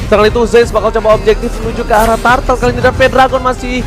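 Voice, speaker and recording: A very high-voiced man works as an esports shoutcaster in a hyped fighting game announcer manner. He calls the play at a fast clip and drops in English phrases, with music behind him. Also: level tone. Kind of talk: fast excited game commentary.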